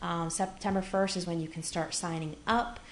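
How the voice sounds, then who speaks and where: A woman's voice: on the low side, steady tone, normal speed, a little hiss or hum. A woman giving upbeat, chatty remarks at a public city meeting, with plenty of fillers. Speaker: city events organizer. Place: council chamber. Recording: echoey meeting room.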